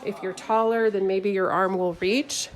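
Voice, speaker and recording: A woman's voice: medium pitch, fairly even intonation, unhurried, poor audio. Woman patiently demonstrating a kiln. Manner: patient, plain instructional. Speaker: instructor. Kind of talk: step-by-step demonstration. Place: kiln room. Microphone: phone held while filming.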